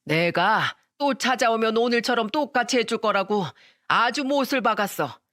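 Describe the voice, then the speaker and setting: A woman's voice: fairly high pitch, animated, normal speed, fairly bright tone, no echo. A woman voicing a blunt, indignant middle-aged father in a storytelling radio drama, a dry close recording. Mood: triumphant. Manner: blunt, boastful.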